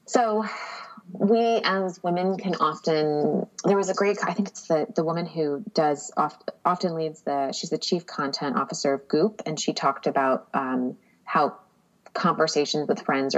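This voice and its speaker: Woman, low voice, reflective, candid, muffled recording. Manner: reflective, candid, animated with quoted asides. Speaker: podcast guest. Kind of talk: casual conversation.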